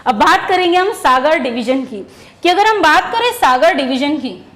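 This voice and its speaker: A woman's voice: sits high, lively intonation, moderate pace, a bit bright. A woman teacher giving an exam-prep lesson, asking questions and answering them herself while repeating key words. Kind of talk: exam-prep lesson using memory stories.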